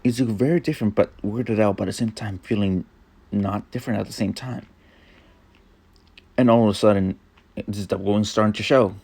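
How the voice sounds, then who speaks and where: A young man reading his own fan fiction aloud, rambling and halting with many fillers and restarts. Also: lowish voice, steady tone, vocal fry, darkish tone, breathy edge. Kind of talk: improvised fan fiction narration.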